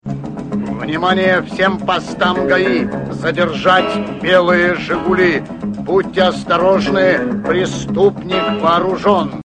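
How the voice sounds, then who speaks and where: Мужчина в роли диспетчера милиции, который по полицейской рации официально и повелительно объявляет тревогу. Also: male voice, sits high, expressive, slow, loud music behind the voice, full character voice. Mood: urgent. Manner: official, commanding announcement. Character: male police radio dispatcher issuing an alert.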